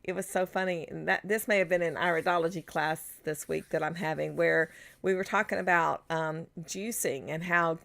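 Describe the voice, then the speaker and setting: Gravelly low-voiced woman coaching. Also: steady tone, normal speed, a bit bright. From United States. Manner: conversational, rambling with restarts and asides. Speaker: business coach for natural health practitioners. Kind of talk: live-streamed coaching talk.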